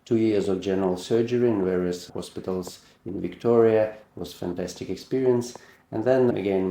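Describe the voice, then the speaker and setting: Deep-voiced Ukrainian-accented middle-aged man. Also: creaky, dark tone, reverberant. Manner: measured, restarts words, slightly non-native phrasing. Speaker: heart and lung surgeon. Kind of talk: personal career account.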